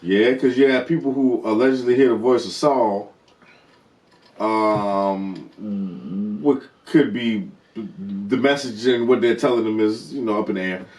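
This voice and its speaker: A man's voice: lowish voice, measured pace, a little mellow. A man co-hosting a TV review show, chatting casually, eagerly talking over his partner and calling him bro. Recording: roomy, distant from the mic.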